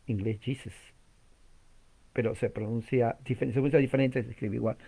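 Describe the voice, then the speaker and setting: A man's voice: medium pitch, steady tone, fast talker, gravelly, mellow, slightly rough. Man preaching with rhetorical questions. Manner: teaching with many rhetorical questions, sudden emphatic rises; spells out and repeats words for emphasis. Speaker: pastor. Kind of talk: sermon.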